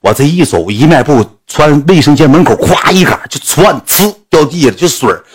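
Animated Northeastern Mandarin storyteller man. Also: fairly high pitch, a little fast, slightly rough. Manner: animated, crude, lots of sound effects. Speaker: livestreamer. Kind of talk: comic personal storytelling.

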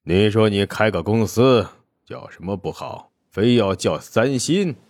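A man's voice: on the low side, unhurried, darkish tone. A man voicing an arrogant middle-aged male gang boss who talks in a sneering, scornful way, in an audio story. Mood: mocking.

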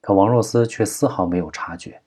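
A man narrating a crime novel audiobook at a steady, measured pace. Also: on the low side, breathy edge.

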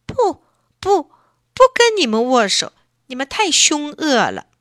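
A woman's voice: very animated, a little slow, dry recording, clean studio sound, exaggerated voice. A woman doing a whiny little boy crying out. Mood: pained, whiny. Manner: crying out in pain, high and loud. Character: whiny little boy who pinches others.

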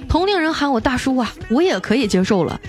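Very animated and high-pitched, a female radio host reads jokes sent in by listeners, with music faint in the background. She chats playfully and teases along the way, stretching out particles in her asides during this lively comic reading.

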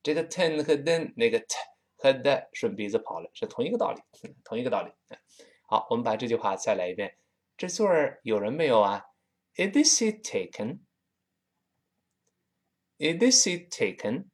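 With a Tianjin accent and a lively, animated delivery, a man from Tianjin, China, teaches spoken English. He carefully slows his speech to drill the words and pronunciation.

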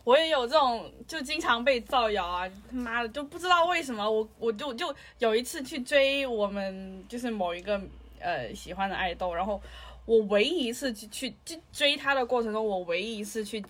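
Woman ranting casually, tosses in english bits, slightly high voice. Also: brisk, few pauses, a bit bright. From lives in Shanghai. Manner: chatty, mixes in English phrases, ranting. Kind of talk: casual chat.

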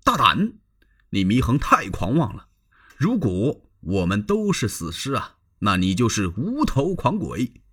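A storyteller playing a stern court advisor. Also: male voice, mid-range voice, wildly swooping pitch, a bit bright, husky, heavily acted. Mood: angry. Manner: commanding, measured. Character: stern, composed older male court advisor. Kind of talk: traditional storytelling performance.

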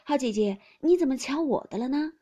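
A playful teenage boy wheedles and begs eagerly, as a woman reads his lines. The voice is high and breathy and bounces up and down. It is a storybook reading. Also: animated, brisk, mellow. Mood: wheedling.

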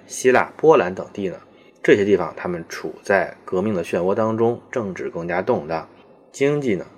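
A man giving a measured, explanatory lecture, pausing often on fillers and slowing down to demonstrate English words. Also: deep voice, darkish tone, breathy edge. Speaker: video lecturer on English accents.

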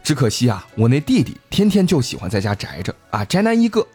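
Husky playful male storyteller. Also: mid-range voice, fast talker, soft background music. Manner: lively, playful, joking with co-hosts. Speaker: podcast storyteller host. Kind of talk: casual storytelling chat.

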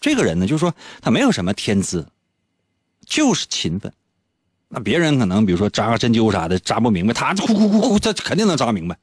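A playful male radio host tells a comic story in a studio. His pitch swings widely, leaping high whenever he gets excited. The voice is a little husky, and the room is dry and close. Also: fast talker, no room sound.

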